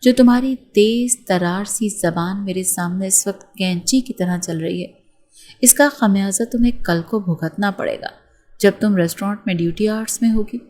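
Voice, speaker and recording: A woman's voice: medium pitch, a little mellow, lightly acted. Storybook read-aloud: a woman putting on a cocky wealthy young man, mocking and menacing. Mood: threatening.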